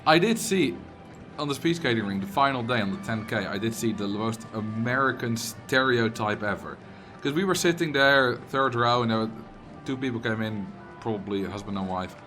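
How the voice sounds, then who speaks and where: With a mid-range, bright and forceful voice, lively intonation and a normal speed, the Dutch-accented man rambles chattily on his livestream, replying to viewer messages while he plays. Game music sits in the background.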